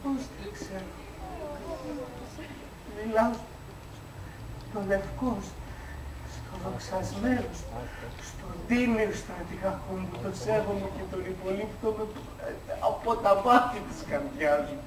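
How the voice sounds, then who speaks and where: A cheeky drunk heckler. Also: male voice, very high-pitched, expressive, long pauses, a crowd in the background. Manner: slurred, cheeky, shouting. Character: drunk rowdy man mocking a pompous general. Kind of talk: live stage comedy acting. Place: open-air ancient theatre stage. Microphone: distant audience recording. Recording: distant, echoey, with audience laughter.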